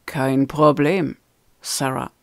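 A woman's voice: rumbling low, steady tone, slow pace, dry recording, clean studio sound, exaggerated voice. A woman reading the part of a protective, menacing young man in a storybook. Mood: curt. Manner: curt, menacing.

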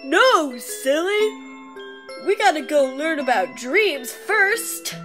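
A sweet cartoon bedside lamp, high and slow. The coaxing, childlike voice lilts up and down in a sing-song way, with tinkly music behind. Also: female voice, very animated, a bit bright, full character voice. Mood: sweetly coaxing. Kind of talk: fan cartoon comic dub.

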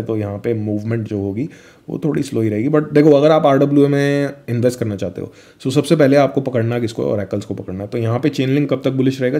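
Mellow-voiced man explaining crypto charts. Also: medium pitch. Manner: chatty Hinglish, addresses viewers as friend, fillers. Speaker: crypto vlogger. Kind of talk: screen-share chart walkthrough.

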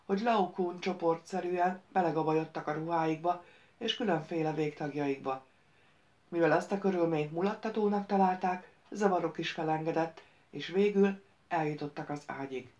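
A woman narrating an audiobook in a calm, measured reading. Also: fairly low pitch, muffled recording. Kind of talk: scripted narration.

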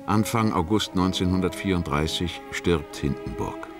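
A man narrating a historical documentary from a script, in short, measured statements. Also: low voice, over music. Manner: short, measured declarative phrases.

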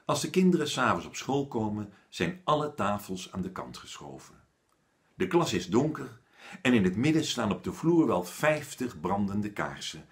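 A man, an author, reading a children's story aloud with an expressive storytelling manner. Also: lowish voice, normal speed. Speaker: author reading his own book.

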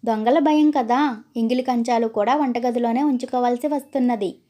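A woman voicing a meek, gentle wife in a storybook tale, anxious in manner. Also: a little high, moderate pace, lightly acted. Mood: plain. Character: meek, worried young wife.

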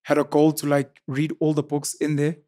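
A man in his thirties with a South African accent talks in an expansive, confident way. His voice sits a little higher than most men's. He is recorded close on a boom-arm podcast mic in a studio. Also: completely flat delivery, normal speed, mellow. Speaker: podcaster and YouTuber. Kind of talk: casual interview conversation. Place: studio with sofas, indoors.

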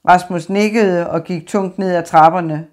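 A woman reading an audiobook in an even, measured narration. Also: on the low side. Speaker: audiobook reader. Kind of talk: scripted narration.

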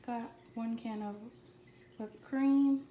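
Flat-voiced woman vlogger in an echoey kitchen. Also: fairly high pitch, slow, narrow, tinny audio. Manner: relaxed, matter-of-fact listing. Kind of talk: grocery haul voice-over. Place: home kitchen. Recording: echoey room with clear background noise.

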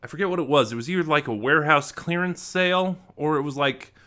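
A young man with a fairly high voice talks fast, his delivery pushed and bright. He's the host of a casual vlog, unboxing and reviewing items while chatting into a desk mic placed close in front of him in a small indoor room at home.

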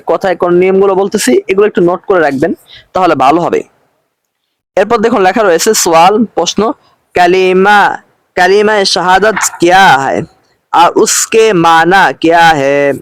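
High-voiced man teaching a patient lesson. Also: no room sound. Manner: slow, patient explanation, repeating each phrase with its translation. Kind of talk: recorded lesson.

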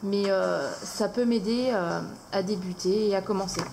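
A woman's voice: mid-range voice, normal speed, gravelly, noisy background. A woman hosting a casual haul video at home, talking hesitantly with many fillers. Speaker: craft channel host.

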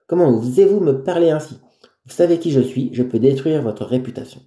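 A man's voice: a little high, brisk, warm tone, natural voice. A man voicing a haughty, spiteful woman travel writer who talks down to others. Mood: indignant. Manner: indignant, arrogant. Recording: roomy echo.

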